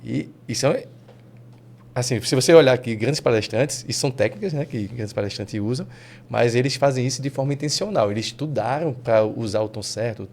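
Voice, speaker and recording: A man with a Brazilian Portuguese accent hosting a casual podcast interview, animated and enthusiastic, his voice jumping up when excited. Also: medium pitch, a little fast. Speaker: podcast host.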